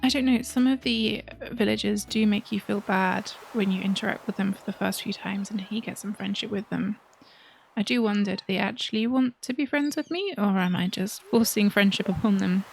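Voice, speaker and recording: A woman hosts a let's play, chatting casually as she plays and sometimes slipping into soft, whispered asides. Her voice is mid-range with some vocal fry, and she talks at a normal speed.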